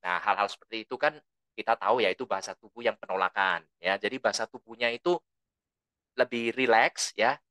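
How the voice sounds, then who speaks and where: A man delivers a presentation skills lesson in a bright, forward voice at a middle pitch. The sound is dry and close, with no room echo. He explains at an easy pace, habitually adding a questioning "ya" and speaking at a full, slightly loud volume. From lived abroad for a long time. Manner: relaxed, explanatory, tags sentences with "ya"; says his own volume tends to run loud. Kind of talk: lecture to a training group.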